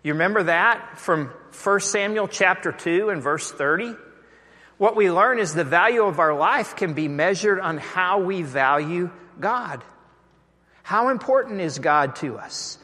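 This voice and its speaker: A Texan-accented man preaches from the pulpit, his voice high-pitched and emphatic. He draws the congregation in with questions and call-and-response lines. The sound carries a long church-hall reverb. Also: expressive, measured pace, pushed and bright. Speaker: pastor. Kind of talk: sermon. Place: church sanctuary.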